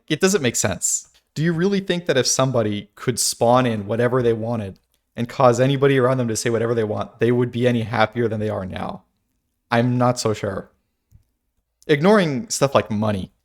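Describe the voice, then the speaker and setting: A man giving a casual philosophical monologue, thinking aloud with restarts and asides. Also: mid-range voice. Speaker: video creator.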